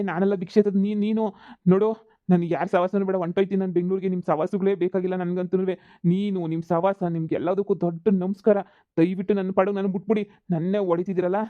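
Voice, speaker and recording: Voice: mid-range voice, no echo, dull audio, natural voice. A performer voicing a whining, cornered village husband in a cartoon comedy, pleading and muttering threats.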